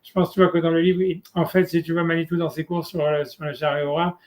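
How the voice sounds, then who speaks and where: Guy rabbi giving a chill torah class, lots of "tu vois" and ums, drops hebrew words in, voice a bit on the high side. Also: level tone, quick pace, darkish tone. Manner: casual, hesitant, many fillers and "tu vois"; mixes Hebrew terms into French. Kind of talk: informal one-on-one Torah lesson.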